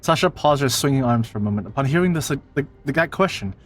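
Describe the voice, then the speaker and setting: A man narrates a game story aloud on a stream. His pitch is middling, and faint music plays behind the narration. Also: animated, quick pace.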